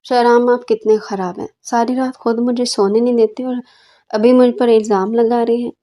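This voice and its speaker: A woman's voice: fairly high pitch, level tone, mellow, close to an everyday voice. A woman reading the lines of an indignant young wife who scolds her husband to get up.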